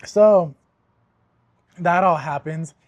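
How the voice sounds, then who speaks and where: A young man hosting a podcast, telling a story in casual chat, animated and swearing often, with laughs mixed in. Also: a little high, extremely slow, no room sound, highs cut off. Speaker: podcast host.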